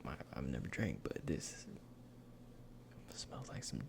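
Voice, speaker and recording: Slow, creaky man in whispered role-play. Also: rumbling low, wildly swooping pitch, noisy background. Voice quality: breathy whisper with gravelly creak. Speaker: ASMR performer playing a cologne salesman.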